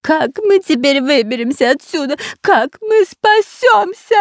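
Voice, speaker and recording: A woman's voice: high voice, animated, measured pace, dry recording, studio quality, pitched above the performer's own voice. A woman voicing a cowardly, long-nosed male spy in an audiobook, who stutters and whimpers with fear. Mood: panicked. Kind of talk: audiobook character voice.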